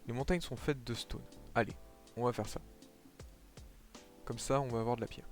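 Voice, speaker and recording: A man's voice: mid-range voice, fairly even intonation, moderate pace. Chatty man streaming a game. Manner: chatty, many fillers, explains as he plays. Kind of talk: casual gameplay commentary. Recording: faint music behind.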